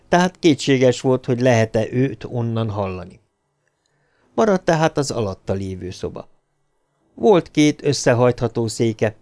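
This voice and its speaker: A man's voice: medium pitch, darkish tone. Man reading an audiobook aloud. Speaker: audiobook narrator. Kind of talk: audiobook narration.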